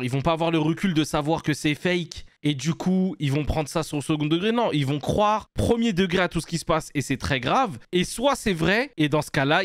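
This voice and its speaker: A man's voice: medium pitch, no room sound, studio quality. A young man streaming a live reaction to the news, arguing heatedly and repeating his points. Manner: heated, repetitive, argumentative.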